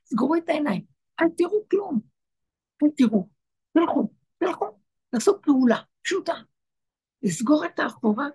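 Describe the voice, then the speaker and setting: A woman voicing God, high and urgent. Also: expressive, long pauses, darkish tone. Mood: urgent commanding. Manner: urgent, repeated commands. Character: God, commanding and urgent, speaking to Moses.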